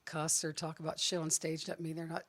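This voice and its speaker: Woman w/ appalachian twang from southern ohio, low pitched, just chatting on a podcast. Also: monotone, brisk, a bit bright. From southern Ohio, United States. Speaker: stand-up comedian, podcast guest. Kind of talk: casual podcast chat.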